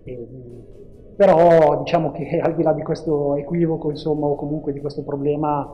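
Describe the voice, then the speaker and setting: A man giving a hesitant post-match interview answer as an assistant coach, captured in low quality on a mobile phone. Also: steady tone, moderate pace, muffled recording, faint music behind.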